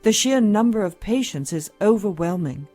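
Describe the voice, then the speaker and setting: A woman's voice: medium pitch, animated, normal speed, dark tone, faint music behind, close to an everyday voice. A woman playing a jaded, frank hospital doctor in an audio drama, skeptical and matter-of-fact. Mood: weary, frustrated.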